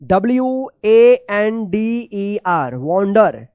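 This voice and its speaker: A woman teaching an English pronunciation lesson, spelling out letters slowly and repeating each word, often checking with her listeners. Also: medium pitch, sing-song, dark tone, clear, resonant tone, no echo, clean studio sound.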